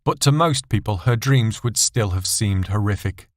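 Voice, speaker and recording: A man reading scripted narration of a dark audio story as its narrator. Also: fairly low pitch, expressive, moderate pace, no echo, studio quality.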